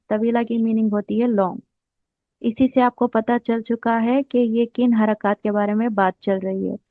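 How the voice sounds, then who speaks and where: A woman with a slightly high voice gives a slow, patient lesson, repeating each term as she writes it out. The sound is dry and tinny, like it came through a phone. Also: no room sound. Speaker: Arabic teacher.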